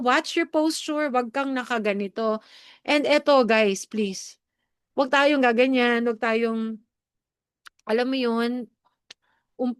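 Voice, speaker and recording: Animated Filipino woman coaching over video call. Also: on the high side, no room sound, studio quality. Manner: chatty, Taglish, coaching tone with frequent "okay?" and "no?"; animated, expressive. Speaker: online mentor and trainer. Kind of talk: online training session over video call.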